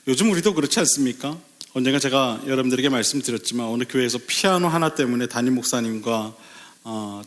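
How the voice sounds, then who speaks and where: Guy pastor doing a sunday sermon in church, mid-pitched, keeps asking the pews questions, stretches words for emphasis. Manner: lively, asks the congregation rhetorical questions; sudden pitch lifts for emphasis, slows on key phrases. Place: church sanctuary.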